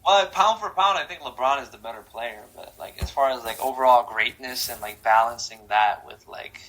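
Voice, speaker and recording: Recorded in low quality, a mid-range-voiced man from Croatia answers this-or-that questions as a guest in a quick, casual interview. He's lively and slangy, leaning heavily on "like" and "bro."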